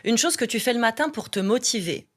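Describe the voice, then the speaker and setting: A woman interviewing a guest, asking playful questions with quick reactions. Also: fairly high pitch, expressive.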